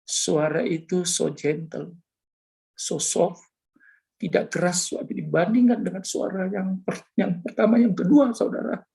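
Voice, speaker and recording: A man's voice: high-pitched, fairly even intonation, measured pace, creaky, mellow. A man sharing an emotional personal testimony, talking earnestly and directly to his listeners. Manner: earnest, addresses listeners as brothers and sisters. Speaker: testimony giver.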